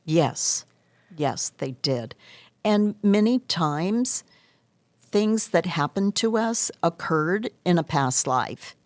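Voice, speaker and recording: A woman with a low voice gives interview answers at a very unhurried pace. She explains things earnestly, in measured short phrases. The sound is dry and close. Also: expressive, dry recording. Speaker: hypnotherapist interview guest.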